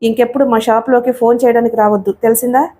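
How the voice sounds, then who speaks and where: A woman voicing a gruff, irritated shopkeeper man scolding in a storybook reading. The voice stays fairly high and mellow. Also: flat delivery, fast, close to an everyday voice.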